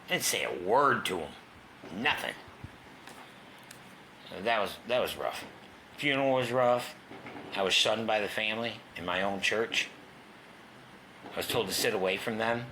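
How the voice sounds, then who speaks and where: A middle-aged man tells his story bluntly, with occasional swearing. His voice sits very low yet comes across bright and forceful. A faint hiss stays under the recording. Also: lively intonation, normal speed, long pauses. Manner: raw, candid, swears, acts out quoted voices. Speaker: guest telling his recovery story. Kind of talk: personal storytelling in a talk show. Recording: faint background noise.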